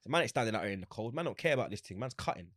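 A man's voice: mid-range voice, rapid-fire, no echo. London roadman guy telling stories, loads of street slang, acts out the convo, really dry close recording. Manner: animated storytelling, acts out quoted exchanges. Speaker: interview guest, football fan. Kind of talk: casual anecdotal chat.

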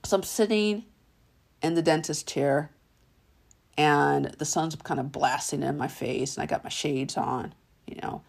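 A woman hosting a motivational podcast, telling stories in an animated way and calling the listener honey and darling. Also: low voice, unhurried, creaky. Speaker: podcast host.

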